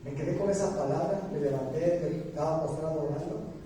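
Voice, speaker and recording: A man's voice: a little high, brisk, background noise. A man from Mexico with a Mexican Spanish accent, a pastor telling a personal testimony in a sermon, acting out dialogue and often restarting phrases. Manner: storytelling with quoted dialogue, many restarts. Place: church hall. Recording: distant roomy hall with long echo.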